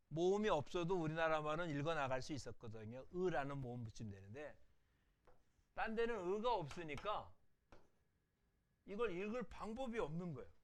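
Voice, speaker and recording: A middle-aged man teaches an online language course in a slightly high voice. His pitch swings widely as he explains. He poses rhetorical questions, answers them, and repeats sample words slowly. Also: fairly bright tone. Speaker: Hebrew language lecturer. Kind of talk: recorded online lecture.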